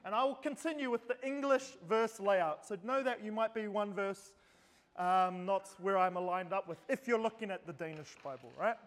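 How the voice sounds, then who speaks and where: High-voiced preacher in a reverberant hall. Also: male voice, moderate pace, fairly bright tone. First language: Norwegian. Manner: earnest, asks the congregation direct questions. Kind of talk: sermon. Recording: long reverb in a large hall.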